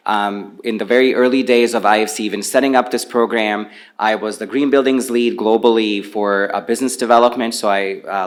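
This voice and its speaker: A man from Bosnia, not a native English speaker, giving a relaxed, conversational presentation into a handheld mic at a conference. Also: fairly low pitch. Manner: relaxed, conversational, walks around while speaking. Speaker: panel speaker on climate finance. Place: conference venue with a live audience. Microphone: handheld microphone.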